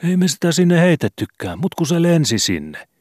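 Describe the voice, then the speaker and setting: A man's voice: fairly high pitch, big pitch swings, a little mellow, no echo, clean studio sound, pitched above the performer's own voice. A man voicing a cheeky, nimble young street boy who talks in offhand slang.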